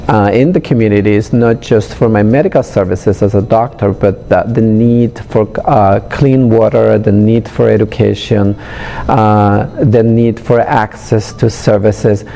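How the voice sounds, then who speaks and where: A middle-aged man from Honduras, answering interview questions in a hesitant way with many pauses. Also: lowish voice, gravelly, dark tone, a little hiss or hum. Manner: hesitant, frequent pauses and fillers. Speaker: interviewee, public health professional.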